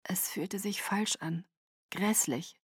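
A woman narrating a novel in the first person with calm, measured storytelling. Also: medium pitch, breathy edge, dry recording, clean studio sound. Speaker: audiobook narrator.

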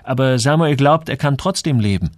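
A man's voice: mid-range voice, expressive, no echo, clean studio sound, pitched above the performer's own voice, natural voice. Man playing an earnest young sailor. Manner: earnest, quick-tempered. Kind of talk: audiobook character voice.

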